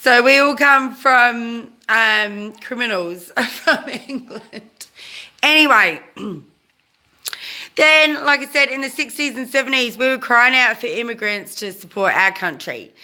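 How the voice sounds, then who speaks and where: A woman in her forties with a South Australian accent hosts a chatty live-stream rant. Her voice sits a little high and rings sharp and bright. She rambles, catches her own slips and breaks off to greet viewers. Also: takes it slowly. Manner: animated, rambling, self-correcting, greets viewers mid-sentence.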